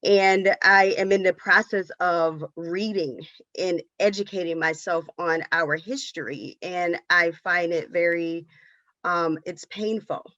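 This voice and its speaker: A woman's voice: on the low side, fairly even intonation, slow pace, fairly bright tone, no room sound, muffled recording. A woman clinician speaking on a video-call panel, candid and openly emotional. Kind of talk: panel discussion.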